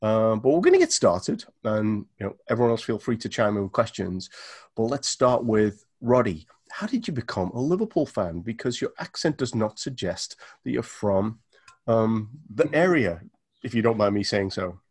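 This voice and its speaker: Husky-voiced podcast host, loose and joking. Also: male voice, on the low side, very animated, normal speed, a little mellow. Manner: loose, self-deprecating, filler-heavy. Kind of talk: casual podcast chat.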